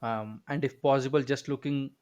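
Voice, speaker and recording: A man's voice: medium pitch, fairly even intonation, normal speed, a little mellow, clean tone, muffled recording. A man hosting a podcast interview, teasing and joking in casual chat. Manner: joking, teasing, with frequent filler backchannels. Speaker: podcast host.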